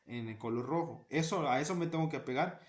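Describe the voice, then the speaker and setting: A man's voice: on the high side, fast, reverberant. A man giving an earnest talk on liturgy, repeating key phrases for emphasis. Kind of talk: spoken catechesis talk.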